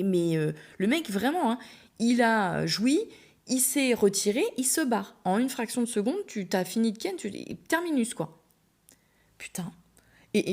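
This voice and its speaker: Gravelly-voiced woman telling a candid story. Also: medium pitch, darkish tone. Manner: chatty, candid and slangy, full of "euh" fillers. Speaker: podcast host. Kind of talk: casual storytelling.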